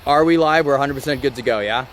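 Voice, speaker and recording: A man hosting a live-stream vlog outdoors, talking in an excitable, rambling and emotional way. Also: mid-range voice, quick pace, a little hiss or hum. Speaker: ghost-hunting channel host. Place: outdoors by a rock wall during a thunderstorm. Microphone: phone or camera on a live stream.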